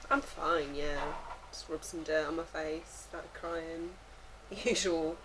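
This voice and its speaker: A woman's voice: deep voice, steady tone, slow. A woman co-hosting a casual film commentary, making wry quips and laughing often between them. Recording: noisy background hiss.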